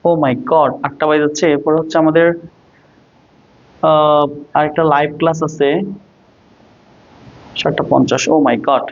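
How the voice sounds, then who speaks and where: Brief: Bangladeshi male tutor, higher pitch, steady drilling "ঠিক আছে?", somewhat dull lo-fi sound. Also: a little slow, pauses often. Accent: Bangladeshi Bengali. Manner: asks questions and answers them himself, repeats "ঠিক আছে?". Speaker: ICT teacher. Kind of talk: online lecture to students.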